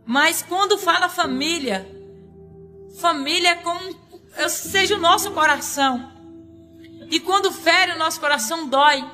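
A woman's voice: very high voice, unhurried, pauses often, sharp tone, soft background music. A woman giving an earnest, tearful religious testimony as a missionary. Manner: earnest, tearful, dramatic storytelling.

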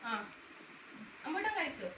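Very high-voiced woman, coaxing baby talk. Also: very animated, normal speed. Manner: coaxing, scolding sing-song baby talk. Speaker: mother tending her little ones. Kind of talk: home skit, baby talk. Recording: echoey room, distant mic, noisy background.

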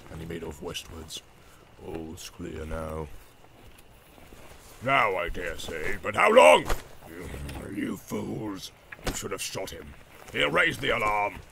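A brutal orc captain barks threats in a deep, rough, gravelly growl, as a man reads him. The voice swings widely up and down. Steady noise sits behind it. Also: slow pace, heavily acted. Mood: angry. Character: brutal male orc captain, gruff and menacing.

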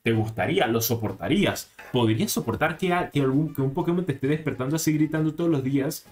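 A young man giving casual, excitable, slangy commentary while playing a video game. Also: a little high, fast. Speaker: gaming channel host. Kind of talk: let's play commentary.

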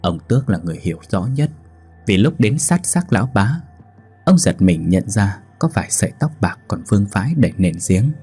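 A man with a low, husky voice narrates a village ghost tale. His storytelling is steady and dramatic. Soft music plays faintly beneath him. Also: fairly quick. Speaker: storyteller host.

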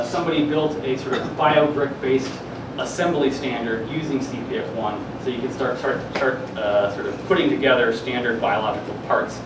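Recorded from a distance on a camera mic, this young man's informal science news talk is halting and full of filler words. The indoor classroom setting adds heavy echo, plus a low rumble from the air conditioning.

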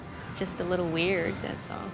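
A woman's voice: fairly low pitch, little pitch movement, normal speed, over loud music, close to an everyday voice. A woman playing a blunt, awkward young writer. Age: 20s. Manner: soft-spoken, blunt questions. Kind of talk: film dialogue.

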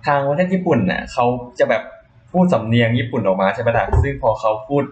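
A young man hosting a gaming channel, commenting on a gacha game in a casual, excitable way, with frequent exclamations and polite sentence endings. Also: mid-range voice, quick pace, slightly rough, dull audio. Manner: polite, ends lines with formal particles. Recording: game music playing behind.

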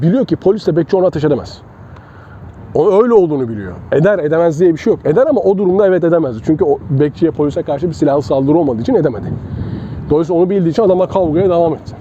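A self-defense instructor with a warm, slightly high voice talks casually to his students while demonstrating moves with a partner outdoors. The lo-fi recording sounds dull, with faint traffic in the background.

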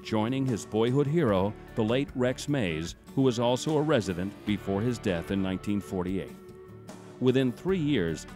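Man, documentary narration, measured, formal, steady mid pitch, guitar music behind.

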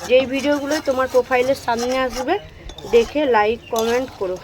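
A woman's voice: high-pitched, steady tone, a little fast, crowd noise. A woman chatting casually as she cooks on a rooftop in the hot sun, sweaty and repeating herself as she talks. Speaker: cooking vlogger. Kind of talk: casual cooking vlog chat. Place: rooftop, outdoors.

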